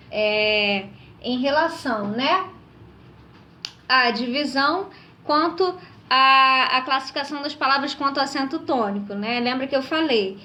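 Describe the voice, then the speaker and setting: A woman's voice: high voice, fairly bright tone. A woman teaching a recorded lesson. She explains step by step and keeps checking in with her students. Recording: echoey room.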